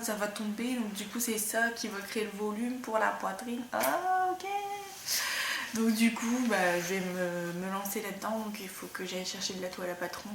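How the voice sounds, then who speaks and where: A woman's voice: mid-range voice, a bit bright. Chatty woman in a roomy space. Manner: chatty, rambling, many fillers. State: slightly hoarse, losing her voice. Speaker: knitting and sewing podcast host. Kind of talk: casual chat. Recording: roomy room with faint background noise.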